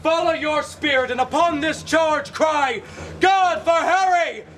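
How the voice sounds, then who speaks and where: High, fierce Henry V, olde-speech oratory. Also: male voice, unhurried, slight background noise. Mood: rousing, fierce. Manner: forceful, projected, exhorting. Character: fierce young warrior king rallying his troops. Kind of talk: declaimed olde-speech Shakespearean stage oratory at a Renaissance fair. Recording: distant stage recording under loud music.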